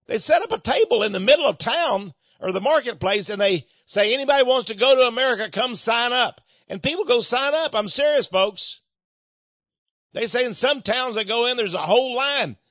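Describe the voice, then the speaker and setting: A man's voice: very high-pitched, lively intonation, normal speed, fairly bright tone, dry recording. A man hosting a talk show, delivering an opinionated monologue in a sarcastic, mocking way. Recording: dull lo-fi sound.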